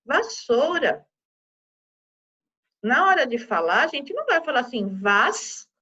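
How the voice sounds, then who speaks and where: Brazilian woman, primary teacher, patient and slow syllable drills, somewhat high voice, lo-fi audio. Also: very animated, bright, forceful tone. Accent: Brazilian Portuguese. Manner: slow, exaggerated syllable-by-syllable pronunciation with frequent "tá?". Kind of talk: primary school lesson video. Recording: slightly dull lo-fi recording.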